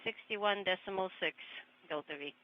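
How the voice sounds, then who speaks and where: At mission control, a woman reads clipped procedural callouts at a moderate pace, her mid-range voice dotted with hesitant fillers. It comes through a crackly space-to-ground radio loop, muffled and lo-fi with faint hiss.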